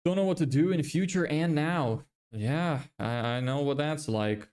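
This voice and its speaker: A young man from Lithuania, whose English has an American sound, livestreams while building a business, reading comments from viewers and poking fun at himself. His delivery is loose, with casual swearing and frequent laughter. The voice leans high, clean and a little mellow, at a moderate pace.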